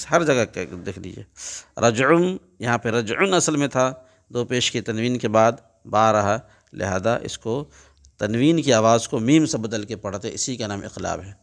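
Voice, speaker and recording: Teaching Quran recitation, a man with a gravelly, mid-range voice goes through letters and vowel marks carefully, one step after another. He switches back and forth between chanted verses and plain explanation.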